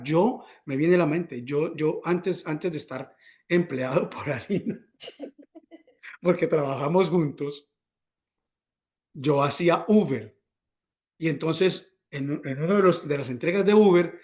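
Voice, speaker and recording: Male preacher, slightly high voice, conversational sermon, quizzes the congregation, restarts and repeats words, acts out prayers. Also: darkish tone. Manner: call-and-response questions, repeats words when searching; acts out prayers and dialogue in a higher voice.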